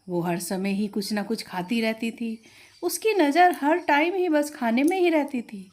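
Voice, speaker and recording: A woman's voice: fairly high pitch, a little mellow. A woman storyteller reading scripted narration and speaking directly to her listeners.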